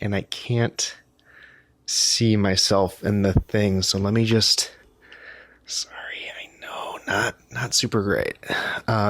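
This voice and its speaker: A man's voice: lowish voice, no echo. Tired man rambling to the camera. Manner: rambling and self-deprecating, with frequent restarts. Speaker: vlogger. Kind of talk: casual talk to camera.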